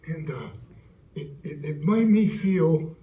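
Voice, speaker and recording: A man's voice: on the high side, expressive. A man playing an awed, stammering Roman centurion. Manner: halting, stammering retelling. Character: earnest Roman centurion soldier, awed eyewitness. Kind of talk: church stage monologue. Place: church hall. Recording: echoey hall, dull sound, faint music.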